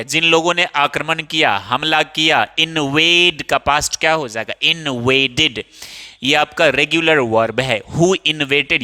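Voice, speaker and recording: An Indian man explaining a textbook lesson, posing questions to his class and answering them himself. His voice is very bright and sits a touch high. It rings out with a long reverb, as if he is in a hall. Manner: calls students "babu", asks and answers his own questions. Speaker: English teacher. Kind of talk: explaining a textbook chapter in Hindi with English phrases.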